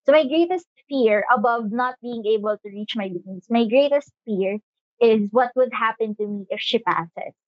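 A woman in her twenties with a Filipino accent, co-hosting a conversational podcast with emphatic, deliberate phrasing. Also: a little high, no echo. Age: 20s. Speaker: podcast co-host. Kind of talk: conversational podcast talk, mixing English and Tagalog. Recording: slightly dull, dry lo-fi audio.

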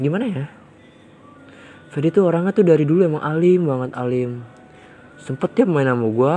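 A man's voice: medium pitch, darkish tone. A young man, casually telling stories about his past in a rambling, slangy, self-mocking way. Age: young adult. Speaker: vlogger telling his life story. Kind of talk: casual storytelling in Jakarta slang.

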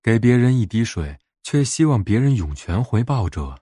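A man's voice: medium pitch, sing-song, moderate pace, dark tone, husky, no echo, clean studio sound. A man narrating a scripted bedtime fable for adults as a storyteller.

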